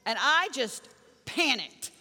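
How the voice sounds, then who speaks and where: A woman's voice: sits high, very animated, slow, sharp tone, slightly rough. A middle-aged woman pastor preaching a sermon, telling stories with emphatic, punchy repeated phrases. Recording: long reverb of a large hall.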